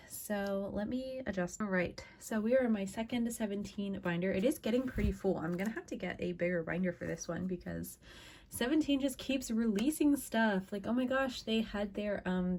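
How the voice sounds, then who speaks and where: A woman's voice: mid-range voice, a little mellow. A young woman in casual chat, upbeat and chatty with lots of fillers, recovering from a cough, talking at her desk at home. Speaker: vlogger.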